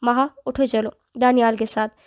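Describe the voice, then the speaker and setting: A woman's voice: on the high side, flat delivery, lightly acted. A woman reading the part of a stern middle-aged father in an audio novel, curt and scolding.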